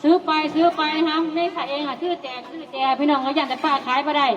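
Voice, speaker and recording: High-voiced woman thanking fans. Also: steady tone, fast, some chatter behind. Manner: effusive, repeated thanks to fans. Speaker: singer and seller on a live stream. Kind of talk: live-stream sales chat. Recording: dull lo-fi stream audio with music behind.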